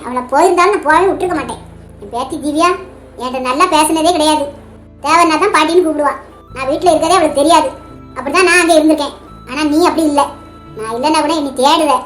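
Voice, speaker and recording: A woman's voice: high-pitched, fairly bright tone. A woman voicing an affectionate, teasing old grandmother in a cartoon, with a Tamil Nadu accent. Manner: teasing, then tearfully apologetic. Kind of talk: cartoon voice acting.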